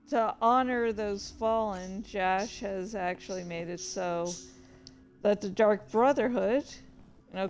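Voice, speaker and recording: A woman who hosts a reading and gaming channel tells gaming stories casually, rambling, informal and sweary. Her voice is medium-pitched and a little mellow.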